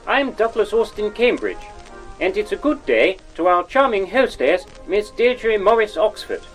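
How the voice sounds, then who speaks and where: A man's voice: sits high, sing-song, measured pace, faint music behind, rough recording. A man playing a pompous, lecherous male radio presenter from the 1940s, in a plummy old-time radio style.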